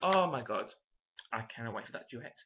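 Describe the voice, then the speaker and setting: A young man telling an excited story in a casual vlog, full of "like" and fillers. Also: medium pitch, brisk, slightly rough, lo-fi sound. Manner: chatty, filler-heavy, gushing. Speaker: vlogger.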